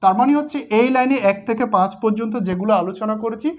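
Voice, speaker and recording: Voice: medium pitch, fast talker. A teacher from Bangladesh explaining a grammar lesson at a board, patient and step by step, repeating each example.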